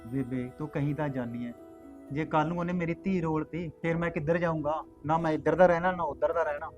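A man's voice: a little high, steady tone, a little fast, darkish tone, faint music behind, close to an everyday voice. A man playing a reluctant grieving widower son. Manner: reluctant, pleading. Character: grieving widower son, worried for his daughter.

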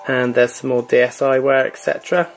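This gaming-channel host has a medium-pitched voice and talks fairly quickly, with faint music playing behind him. Relaxed and chatty, he fills his speech with fillers while casually walking viewers through a console's online store.

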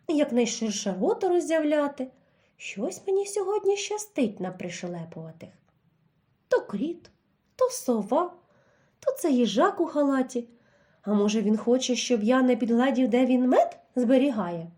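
Lady doing a grumpy hungry bear, big blustery guy, gruff and impatient, swoops up and down a lot. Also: high voice, sing-song, moderate pace, mellow. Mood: grumbling.

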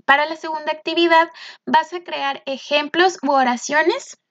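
A woman's voice: high voice, normal speed, fairly bright tone, dry recording. A woman teacher, patiently explaining a lesson in a recorded class. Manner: patient, explanatory, with frequent "entonces" and "¿ok?". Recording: dull dry lo-fi recording.

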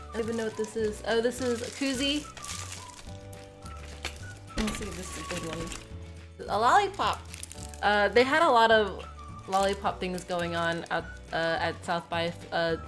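A young woman vlogger, sick and sounding stuffy and nasal, chats casually while unpacking a bag in a small room, rambling with plenty of fillers. Her voice has a medium pitch and a fairly bright tone.

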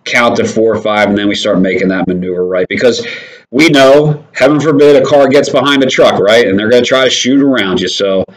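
A man's voice: on the low side, fairly quick, low-quality recording. A man hosting a casual company safety update, upbeat and encouraging, who often checks in with "right?".

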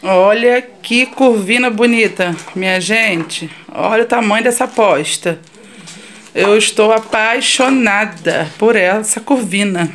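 A Brazilian woman hosting a casual cooking vlog in her home kitchen, chatting warmly with her viewers as she cooks. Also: mid-range voice, slow. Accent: Brazilian Portuguese. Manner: affectionate, chatty, addresses viewers as "minha gente". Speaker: vlogger. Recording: noisy home kitchen audio. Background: frying and sizzling in the kitchen.

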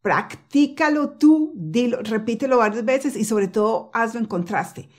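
A woman teaching English pronunciation to camera in a casual lesson, repeating example phrases slowly and patiently and reassuring the learner. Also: a little high, expressive, a little mellow. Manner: reassuring and encouraging.

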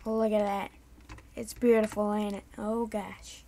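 A woman giving casual gameplay commentary in a sleepy monotone, having just woken up. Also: medium pitch, measured pace, vocal fry, slight background noise. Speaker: gaming YouTuber.

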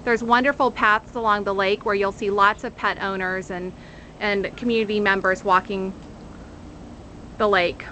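A woman's voice: mid-range voice, fairly even intonation, moderate pace, sharp tone, slight background noise. A woman in her thirties, a real estate agent, giving an upbeat room-by-room tour of a rental condo, filmed on a handheld camera. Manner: upbeat, pointing things out room by room. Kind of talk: walkthrough narration of a rental tour. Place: outdoors at a front door, then walking through an empty condo.

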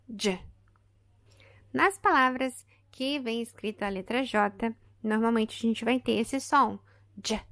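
A Brazilian woman in her thirties, an English teacher with a Brazilian Portuguese accent, giving a pronunciation lesson. She says each example word slowly, twice. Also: on the high side, fairly bright tone, no echo. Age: 30s.

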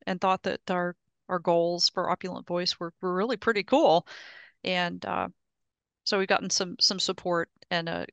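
On a headset mic from a home office, a middle-aged woman presents her project at an engineering meetup over video call. Her smooth, somewhat bright voice sits on the low side, there is no echo, and her casual update proceeds step by step with frequent restarts.

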